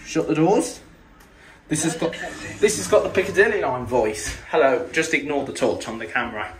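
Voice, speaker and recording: A man's voice: on the high side, animated, normal speed. A man giving an informal video tour as an enthusiastic hobbyist, explaining details as he goes. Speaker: vlogger giving a tour of lifts. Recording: background noise, varying distance from mic.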